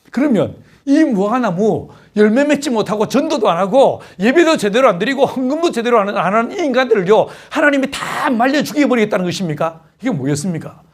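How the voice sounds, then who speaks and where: A male pastor preaching a sermon in a church worship hall, animated and full of rhetorical questions. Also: high-pitched.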